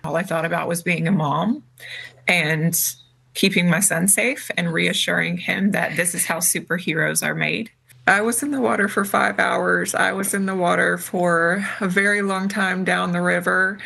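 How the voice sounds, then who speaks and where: A woman, grieving and close to tears, speaking slowly and haltingly in an emotional interview. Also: on the low side, fairly even intonation, bright, forceful tone. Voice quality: gravelly, husky. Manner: slow, halting, faith-filled testimony. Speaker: interviewee, bereaved mother.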